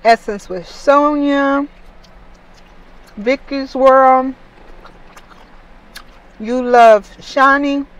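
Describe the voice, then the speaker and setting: A woman's voice: high voice, poor audio. Middle-aged woman chatting between chews. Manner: chewing while talking, unhurried with long pauses between bites. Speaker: food review vlogger. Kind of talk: casual chat to camera while eating. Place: inside a parked car.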